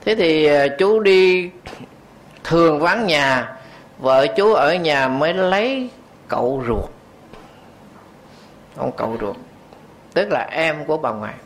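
A man's voice: fairly high pitch, lively intonation, slow, pauses often. A man, a Buddhist monk giving a dharma talk, telling a story and speaking directly to his listeners. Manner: storytelling, quoting others, addressing the audience.

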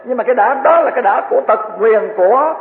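A man's voice: extremely high pitch, lively intonation, fast talker, slight background noise. A man giving a Buddhist sermon, earnest and repetitive, full of vivid everyday examples. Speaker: Buddhist dharma teacher. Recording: tinny phone-like echoey hall.

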